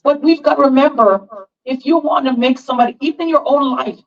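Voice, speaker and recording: Town hall moderator, measured, earnest, distant, muffled. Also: sits high. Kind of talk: reflective public speech. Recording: distant, dull lo-fi sound.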